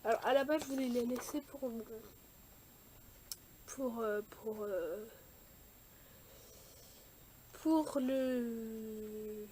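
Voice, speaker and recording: A young woman with a high, light voice talks viewers through a scrapbooking page at an unhurried pace. She hesitates often, trailing off and restarting her sentences, with a faint hiss of noise behind her. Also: a little mellow. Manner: hesitant, many fillers and restarts. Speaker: scrapbooking vlogger. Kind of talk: casual craft tutorial chat.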